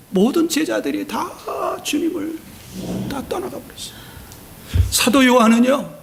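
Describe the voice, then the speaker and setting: A man from Seoul preaching a folksy storytelling sermon, swinging between loud and hushed. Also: sits high, gravelly. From Seoul, South Korea. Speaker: pastor.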